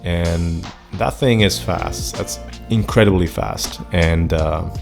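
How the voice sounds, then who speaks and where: With music in the background, a low, slow, creaky voice hosts a personal vlog. The speaker is a Finnish man in his thirties, a native Finnish speaker with a Finnish accent, whose monologue is earnest and enthusiastic.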